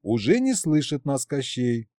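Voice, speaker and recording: A man's voice: medium pitch, big pitch swings, unhurried, a little mellow, no echo, studio quality. A man voicing a wry, teasing young male hero in an audiobook.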